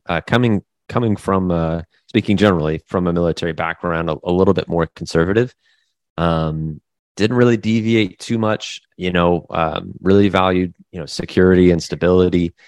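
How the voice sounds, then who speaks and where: Deep-voiced man with halting speech. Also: no echo. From Midwest US. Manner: halting, many fillers and restarts. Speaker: guest business owner. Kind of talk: casual interview talk.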